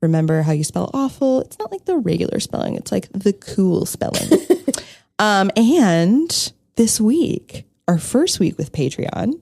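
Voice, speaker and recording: A woman's voice: mid-range voice, very animated, a little slow, creaky, darkish tone, no echo, studio quality. A young woman co-hosting a podcast in casual chat, bubbly and giggly, filling her talk with "like". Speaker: podcast co-host.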